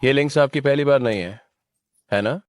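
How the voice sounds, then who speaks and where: A man's voice: mid-range voice, fairly quick, natural voice. An actor playing a chatty, loyal male assistant in a Hindi drama dub.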